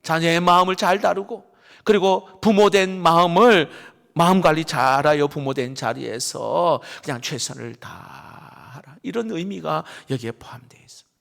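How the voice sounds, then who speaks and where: A middle-aged male pastor preaches with a fairly high, gravelly voice. He leans hard on key words, then drops to near-whispered asides. His voice rings with the long echo of a church sanctuary. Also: normal speed. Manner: emphatic, swinging between loud stresses and hushed asides. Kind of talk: sermon.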